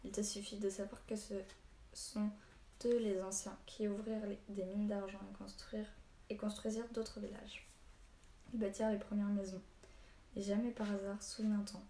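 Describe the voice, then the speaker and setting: A woman's voice: medium pitch, level tone, normal speed, mellow, close to an everyday voice. A woman reading an audiobook, voicing an old male hermit who is a stern, short-tempered storyteller. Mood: grave. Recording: echoey room, faint hiss.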